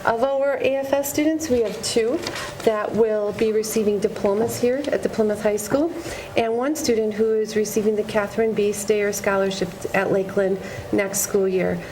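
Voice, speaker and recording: A woman's voice: medium pitch, steady tone, moderate pace, hardly any pauses. A woman, a school district administrator, giving announcements at a board meeting, reading out names, dates and awards. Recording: noisy community TV recording.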